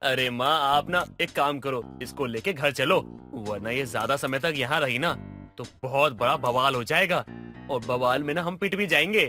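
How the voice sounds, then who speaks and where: A man voicing an exasperated young husband in an animated story, pleading and fed up. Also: medium pitch, moderate pace, faint music behind, natural voice. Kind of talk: animated cartoon voice acting.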